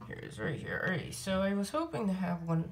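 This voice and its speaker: Speaking fast with huge pitch swings, a woman with a medium-pitched, creaky voice rambles hesitantly through a casual vlog update for her viewers. She's a hobby video creator recording in a small room at home on a handheld camera or phone mic. The recording is roomy and distant, with a little noise.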